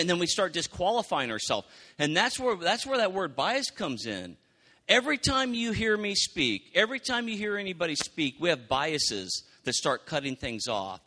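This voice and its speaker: Man, pastor, conversational sermon, animated, bright tone. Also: on the high side. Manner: conversational, animated preaching with acted-out quotes.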